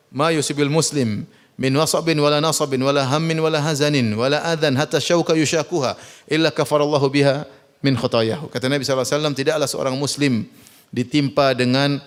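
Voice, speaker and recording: A man with an Indonesian accent delivers a sermon to a mosque congregation. His voice sits a little high for a man. He swings between raised, emphatic lines and quiet, confiding asides, tossing questions to the listeners and chuckling at his own jokes. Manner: animated, rising for emphasis and dropping low for asides, asks the audience questions. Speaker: preacher.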